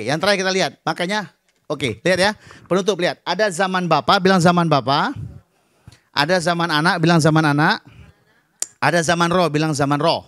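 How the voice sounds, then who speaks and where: A middle-aged man preaching a sermon at a church service, lively and joking, dropping English words and acting out voices. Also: a little high. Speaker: pastor.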